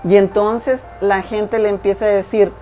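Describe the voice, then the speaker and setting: A woman's voice: mid-range voice, steady tone, moderate pace, warm tone. A woman preaching a sermon, earnest and repetitive, speaking straight to the listener. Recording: dull lo-fi recording with faint hiss.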